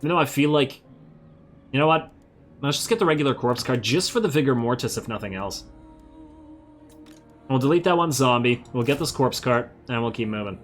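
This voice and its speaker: A man's voice: medium pitch, expressive, a little fast, long pauses, faint music behind. A man giving casual, think-aloud commentary while playing a strategy game, self-amused and slightly losing his voice. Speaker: strategy game let's-play host.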